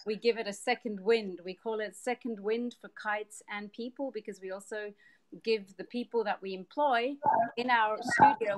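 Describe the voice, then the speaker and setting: A woman, explaining her social business earnestly and fluently over a live video call. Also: mid-range voice. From Switzerland, raised in Papua New Guinea. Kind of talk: interview answers on a live stream.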